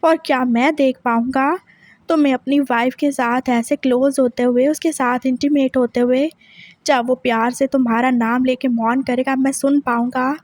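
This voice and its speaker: A woman's voice: sits high, steady tone, moderate pace, a little mellow, no echo, lightly acted. A woman reading a story aloud, voicing a young husband who pushes hard with repeated questions. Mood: pressing. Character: intense possessive young husband, man.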